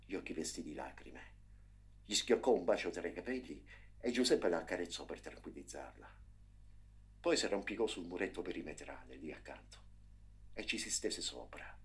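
Male audiobook narrator, low and breathy, expressive dramatic reading. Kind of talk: storybook narration.

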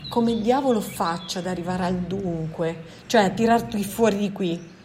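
A woman's voice: medium pitch, normal speed, darkish tone, slight background noise, natural voice. Woman reading as an anxious, insistent man. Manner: pleading, insistent questions. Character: pleading, insistent young man, anxious and stubborn.

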